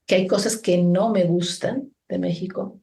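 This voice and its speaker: A woman's voice: fairly low pitch, fairly even intonation, a little slow, creaky, mellow. A middle-aged woman from Mexico with a Mexican Spanish accent, talking through her thoughts as an interview guest, with many restarts and fillers. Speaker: guest, organization founder. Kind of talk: reflective interview conversation.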